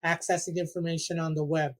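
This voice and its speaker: A man from Puerto Rico, a support group facilitator, answering interview questions in an earnest, measured way. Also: fairly high pitch, level tone.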